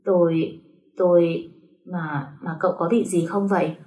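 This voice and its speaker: A sharp-tongued young wife who mocks and cuts, voiced by a woman reading a story. Her lines climb high and loud when she jeers, scornful throughout. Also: fairly even intonation, a little slow, natural voice. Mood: flustered. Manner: scornful, cutting.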